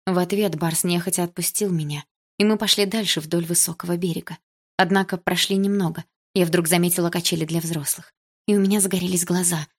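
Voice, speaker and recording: Female audiobook narrator, low-ish voice, expressive first-person reading. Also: fairly quick, husky. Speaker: audiobook reader.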